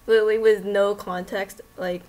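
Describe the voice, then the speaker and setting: A woman's voice: medium pitch, darkish tone, rough recording. A young woman on a call, chatting casually, hesitant and giggly, often stammering and restarting. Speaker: guest on call. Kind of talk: casual chat. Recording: faint background noise.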